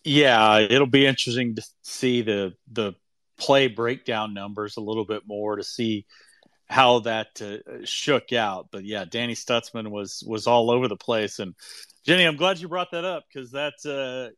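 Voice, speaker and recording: Sports writer, male, middle pitch, measured and halting, dry close sound. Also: fairly bright tone, no room sound. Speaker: sports writer on a postgame panel. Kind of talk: casual postgame analysis.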